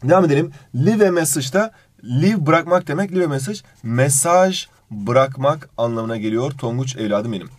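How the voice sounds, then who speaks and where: Animated male English teacher. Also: mid-range voice, normal speed, no room sound. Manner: reads English phrases, then translates them, addressing the student fondly; animated intonation. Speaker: English teacher for exam prep. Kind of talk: exam review lesson.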